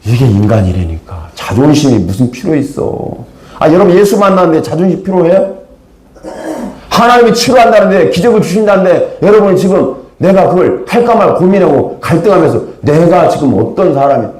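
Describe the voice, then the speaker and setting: Male pastor, lively dramatic sermon delivery, echoey sanctuary sound. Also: fairly high pitch, fairly quick. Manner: animated storytelling, acts out characters, sudden loud outbursts. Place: church sanctuary. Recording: echoey church hall.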